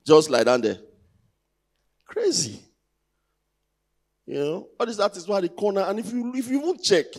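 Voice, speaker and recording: With a slightly high, slightly mellow voice, a Nigerian-accented comedian in his thirties teases the audience in conversational stand-up, posing rhetorical questions into a handheld stage microphone. He's performing in a large indoor theatre.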